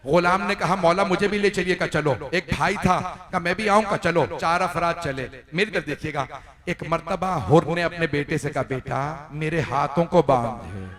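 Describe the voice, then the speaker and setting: A man preaching a mourning sermon, telling the story with passion, slowing down and rising to wailing peaks. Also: fairly high pitch, fairly bright tone. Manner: impassioned storytelling, slows and rises to wailing peaks. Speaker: preacher reciting a majlis. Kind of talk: Muharram majlis sermon. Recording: echoey hall.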